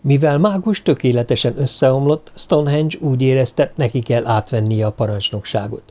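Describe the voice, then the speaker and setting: A male audiobook narrator with a dark, mellow voice and mid-range pitch. He reads in a measured, even storytelling manner, scripted and steady.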